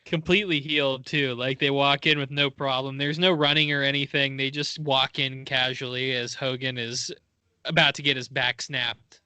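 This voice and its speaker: Bright-voiced man, chatty podcast co-host. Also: medium pitch, normal speed, clear, resonant tone, dry recording. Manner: laughs often, animated recapping. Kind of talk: casual chat.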